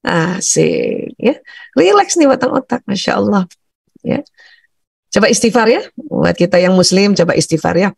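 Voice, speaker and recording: A man from Bugis Makassar speaks to a room of teachers and parents in a thick, loud, gravelly voice. He talks with animated energy and guides them through slow breathing. The sound is dry and close. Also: high voice, no room sound. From Bugis Makassar, Indonesia. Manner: animated, laughs often, leads breathing exercises. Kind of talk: seminar talk to teachers and parents.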